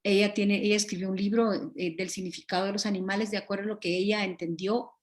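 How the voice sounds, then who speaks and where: A woman teaching a Bible study over a video call, earnest and animated, often correcting herself mid-sentence. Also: medium pitch, quick pace. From Guatemala.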